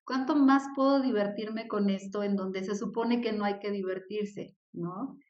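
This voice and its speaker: A woman hosting a podcast, encouraging her guest with soft affirmations and reflective questions. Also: medium pitch, fairly even intonation, a little slow, roomy sound, highs cut off. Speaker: podcast host. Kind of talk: casual interview chat.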